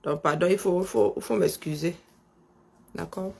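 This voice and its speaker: Woman, slushy lisped s, gravelly fry, husky tone, lowish pitch, casual hesitant chat. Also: a little mellow. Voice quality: lisp with slushy s sounds; husky, creaky voice. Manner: hesitant, halting, repeats words while thinking. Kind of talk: casual chat, talking to herself and on a phone call.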